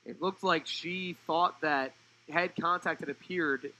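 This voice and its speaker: Man doing play-by-play, bright ringing tone, fairly high voice, live soccer commentary. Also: measured pace, muffled recording. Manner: fluent, rises in pitch on attacking plays.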